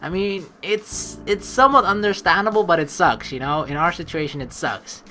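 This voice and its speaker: A man with a high, pushed, bright voice at a moderate pace does casual let's play commentary over game music. He rambles informally, thinking aloud, swearing a bit and reading on-screen text.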